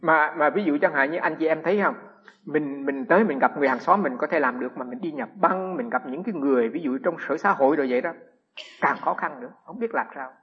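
A man, a Buddhist monk giving a humorous storytelling sermon with lively anecdotes and frequent restarts. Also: fairly high pitch, fast, slightly rough. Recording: echoey hall, dull lo-fi sound.

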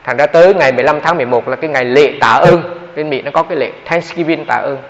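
A man, a monk, tells a story in a dharma talk, acting out the people's lines as he goes. His voice is gravelly and sits somewhat high. The sound is dull and carries a long hall reverb. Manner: retelling a story with quoted dialogue, halting repetitions. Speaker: Buddhist monk.

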